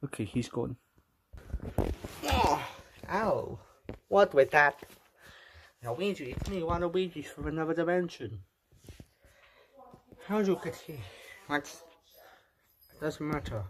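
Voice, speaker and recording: A fan movie creator voicing every character in an amateur fan film, switching voices and jumping up into squeaky highs. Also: lively intonation, measured pace, long pauses, slight background noise.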